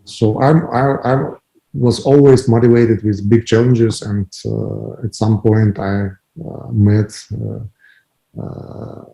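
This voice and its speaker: A man from Ukraine with a Ukrainian accent, answering interview questions in halting, filler-heavy English. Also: lowish voice, little pitch movement, creaky, mellow, rough recording. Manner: halting, many fillers and restarts. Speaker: guest, company founder.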